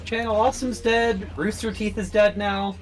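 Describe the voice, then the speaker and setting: A person chatting on a gaming stream, cracking wry, deadpan jokes. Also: medium pitch, moderate pace, faint music behind, low-quality recording. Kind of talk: casual chat while gaming.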